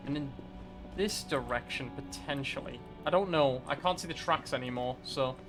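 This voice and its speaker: A man giving chatty, excitable let's-play commentary, reading game dialogue and joking aside. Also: medium pitch, moderate pace, over music. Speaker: gaming streamer.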